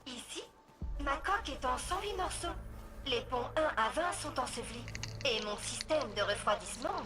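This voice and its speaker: An actress voicing a sardonic female ship AI with a robotic voice and flat, dry delivery. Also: sits high, normal speed, over music. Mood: deadpan. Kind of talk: video game voice acting, dubbed.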